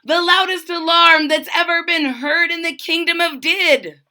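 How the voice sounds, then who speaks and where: Storybook trumpeter, male, played by a woman, very high and bright, excitable, determined, given to wailing outbursts. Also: a little slow, heavily acted. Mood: indignant, bold. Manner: shouting, wailing exclamations. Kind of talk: children's storybook read-aloud.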